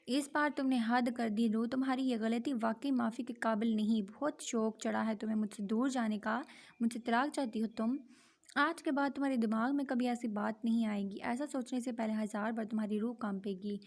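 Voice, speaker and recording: A woman's voice: a little high, steady tone, a little mellow. A woman voicing a furious, possessive young husband who threatens harshly.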